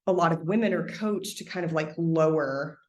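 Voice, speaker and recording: A woman speaks at normal speed in an echoey room, appearing as a podcast guest in a conversational interview. She talks at length, thoughtful and expansive, peppering her speech with "like." A trained singer, her speaking voice sits lower than her singing range.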